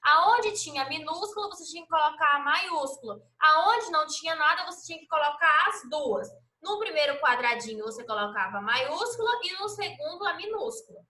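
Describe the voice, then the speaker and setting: Female primary teacher from Brazil, high bright voice, patient sing-song delivery, recorded in a roomy space. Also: expressive. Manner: patient, slow and sing-song, spelling out letters and syllables. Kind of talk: recorded remote lesson for children.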